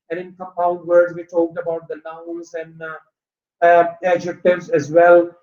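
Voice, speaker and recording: A man teaching a recorded online lecture, explaining steadily, mixing in English terms, with drawn-out "uh" fillers. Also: sits high, a little mellow. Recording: dull lo-fi recording.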